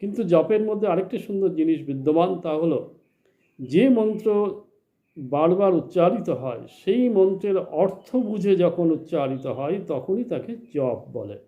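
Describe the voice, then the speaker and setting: A man teaching a spiritual lesson in a measured, explanatory way, asking questions and then answering them himself. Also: high-pitched, lively intonation, phone-quality sound. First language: Bengali. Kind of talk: slow spoken religious lecture.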